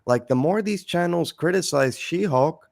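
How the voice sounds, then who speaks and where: A man's voice: a little high, animated, moderate pace, vocal fry, a little mellow. A man co-hosting a casual reaction chat over a video call, thinking aloud and drifting into tangents. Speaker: co-host.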